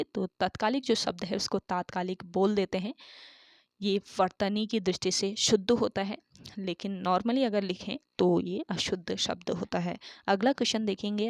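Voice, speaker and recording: A woman's voice: medium pitch, no room sound. Woman, exam tutor, asks then answers herself, repeats key terms, dry close sound. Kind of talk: online exam-prep lesson.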